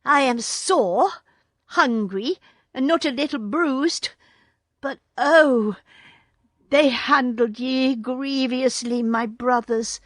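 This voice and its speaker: A woman's voice: sits high, takes it slowly, no echo, clean studio sound, pitched above the performer's own voice. A woman voicing Mowgli, an earnest young boy raised by wolves, speaking in an eager, raised voice.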